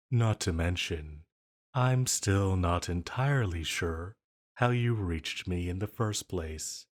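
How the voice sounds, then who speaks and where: A man plays an ancient, banished villain in a roleplay audio drama monologue, speaking in a very low voice at a slow, deliberate pace. He is silky and intimate, flirting with condescending, dangerous charm, his mood measured and relieved.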